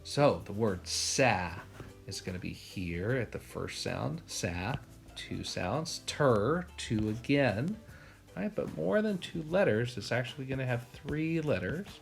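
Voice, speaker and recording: A man's voice: mid-range voice, sing-song, gravelly, faint music behind. An American man teaching a spelling lesson, sounding out words piece by piece and asking questions as he goes. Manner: sounds out words slowly, asks rhetorical questions.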